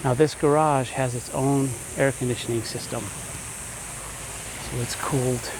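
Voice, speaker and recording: Man, casual walk-through home tour, easygoing, mid-pitched voice, faint background ambience. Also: fairly even intonation, takes it slowly, noisy background. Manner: easygoing, thinking aloud while walking. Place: walking through a house, garage and yard.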